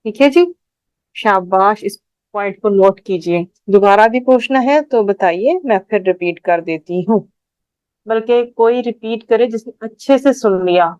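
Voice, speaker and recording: A woman teaching an online class, patiently repeating each point slowly for her students. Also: mid-range voice, darkish tone, clean tone, no room sound, poor audio.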